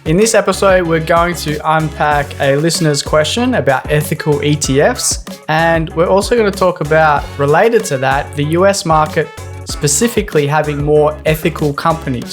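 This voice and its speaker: A man co-hosting a podcast, chatting casually and giving his opinions in a relaxed way. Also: a little high. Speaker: podcast co-host.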